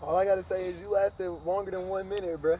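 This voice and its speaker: A man's voice: high voice, steady tone, quick pace, mellow. A man chatting casually outdoors as he times and films a friend. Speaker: friend filming and timing the challenge. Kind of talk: casual chat. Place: outdoors in a park. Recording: noisy outdoor camera recording.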